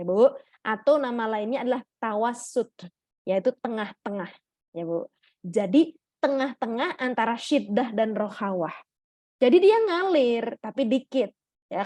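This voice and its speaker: A woman's voice: a little high, dark tone, no echo. A woman with an Indonesian accent teaching Quran recitation in an online class, patiently explaining and demonstrating letter sounds while checking in with her students.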